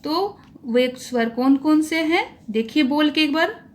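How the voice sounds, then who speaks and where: A woman's voice: sits high, animated, measured pace. A woman teaching a grammar lesson to exam students, explaining patiently and saying each vowel sound aloud for listeners to repeat.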